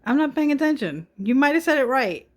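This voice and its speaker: A woman's voice: high voice, sing-song, brisk. A woman chatting casually and playfully, teasing as she helps out with an unboxing video. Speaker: off-camera adult helper in a child's unboxing video. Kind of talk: casual chat.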